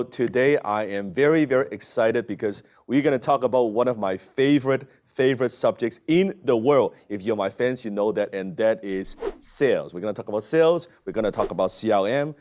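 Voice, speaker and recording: A man's voice: medium pitch, a little mellow. A man hosting an interview show, opening with an enthusiastic welcome and then prompting his guest with questions and short affirmations. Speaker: show host.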